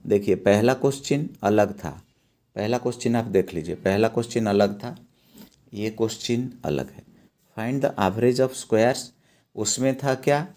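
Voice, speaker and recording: A man's voice: fairly low pitch, darkish tone. A man teaching a math lesson, going step by step and checking in with his students as he works. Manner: slow, repeats steps and checks in with "है ना".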